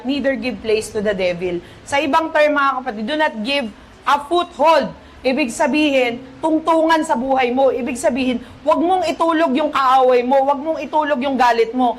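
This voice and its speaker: A woman pastor with a Filipino accent preaching a lively sermon, asking the congregation "Amen?" and quoting scripture in English. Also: high-pitched. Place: church.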